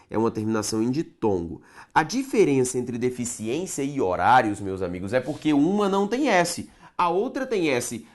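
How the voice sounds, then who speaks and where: A man teaching a grammar lesson for exam prep, stretching out syllables and asking himself rhetorical questions. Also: medium pitch.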